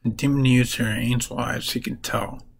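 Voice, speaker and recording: A man casually retelling comic book plots in a halting, piece-by-piece way. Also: medium pitch, fairly even intonation, gravelly, slightly rough, rough recording.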